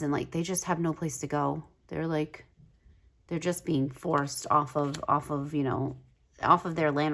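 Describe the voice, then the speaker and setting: On her channel, a tarot video creator leafs casually through a deck, gushing and chatty, peppering her speech with "like" and dropping to a whisper for soft asides. Her voice sits low.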